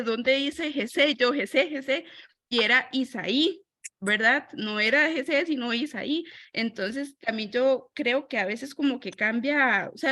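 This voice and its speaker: A woman's voice: a little high, pushed and bright, dry recording, clean studio sound. A woman with a Costa Rican accent chatting casually in a Bible study group, with frequent tag questions and self-corrections. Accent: Costa Rican Spanish. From Costa Rica. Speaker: church member sharing.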